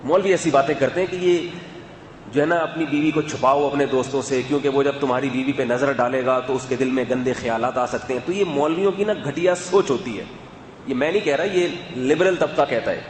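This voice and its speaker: A man giving a sermon in a calm, conversational, explanatory way, with asides to his listeners. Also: medium pitch. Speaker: religious scholar. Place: mosque or hall with loudspeaker system. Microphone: loudspeaker microphone. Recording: echoey hall, faint background noise.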